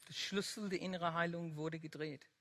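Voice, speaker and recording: A preacher giving a sermon, slow and emphatic, building to loud climaxes. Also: medium pitch, steady tone.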